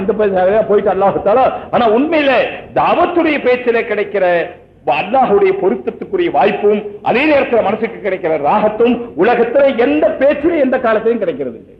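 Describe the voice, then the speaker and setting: A high-voiced man gives a religious talk, telling stories and firing questions at his listeners. The sound is thin and phone-like, and it rings in a roomy space. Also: expressive, fairly quick. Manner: conversational storytelling with rhetorical questions. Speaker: preacher. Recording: echoey, tinny phone-like sound.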